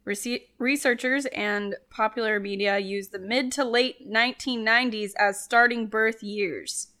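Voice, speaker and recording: A woman in her thirties co-hosting a podcast, chatty and quick to laugh in casual run-on talk. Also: a little high, fairly even intonation, sharp tone. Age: 30s. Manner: chatty, laughs easily, talks in loose run-on bits. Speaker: podcast co-host. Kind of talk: casual chat.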